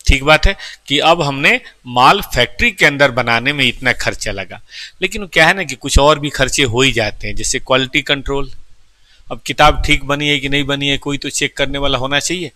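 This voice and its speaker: A man teaches a lecture class in a very bright, keen voice, explaining each term step by step. He keeps asking his students questions and talks to them fondly. The sound is dry and close, with no room echo. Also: medium pitch, a little fast. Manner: affectionate, calls students "beta".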